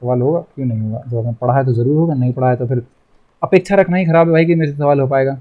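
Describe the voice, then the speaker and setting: A man's voice: mid-range voice, rapid-fire, phone-quality sound. A young man teaching a math lesson online, chatty, repeating himself and teasing his students.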